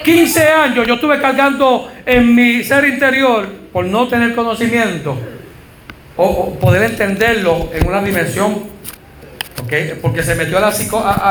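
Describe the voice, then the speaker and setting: A man preaching a fervent sermon as pastor, telling stories of congregants and building up to shouts. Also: sits high, moderate pace, roomy sound, background noise. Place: church.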